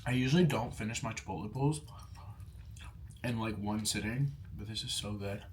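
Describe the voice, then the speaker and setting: A young man in his early twenties, a food vlogger, chats casually between bites during a mukbang Q&A, answering viewer questions and using "like" constantly. His voice is lowish and his pace moderate, with faint background noise.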